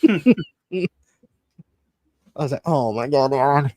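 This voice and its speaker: Taking it slowly, a man in his early thirties hosts a podcast, his medium-pitched voice recorded in studio quality with no room sound. His casual chat mixes rants and animated, foul-mouthed stories in which he acts out the reactions he quotes.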